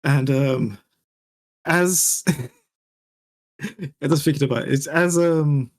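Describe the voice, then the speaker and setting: A man's voice: on the high side, slow pace. A young man co-hosting a podcast in casual chat, laughing often and acting out scenes as he retells them. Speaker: podcast co-host.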